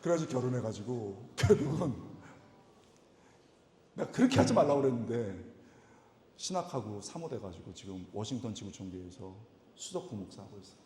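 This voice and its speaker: A male pastor tells stories from the pulpit at a retreat service, voice climbing and dropping with lively expression. He slips into the voices of the people he describes and breaks into exclamations. The sound is roomy, with a long reverb tail from the hall. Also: lowish voice, fairly quick, pauses often, a little hiss or hum. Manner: animated, imitates people in his stories, exclaims. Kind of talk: lively storytelling sermon.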